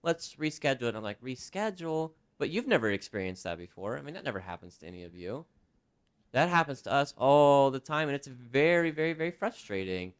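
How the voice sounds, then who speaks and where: Working as a sign language interpreter, this man speaks a presenter's signed talk in the first person, keeping it conversational and lively. His medium-pitched voice is brisk, clear, and resonant.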